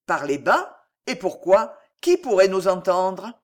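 A woman's voice: mid-range voice, sing-song, takes it slowly. A woman voicing an ardent young nobleman who speaks earnestly, in an audiobook reading.

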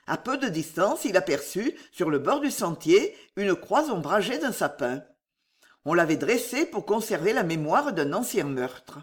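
A narrator reading an old animal fable aloud in a measured, expressive storytelling style. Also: mid-range voice. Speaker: audiobook narrator.

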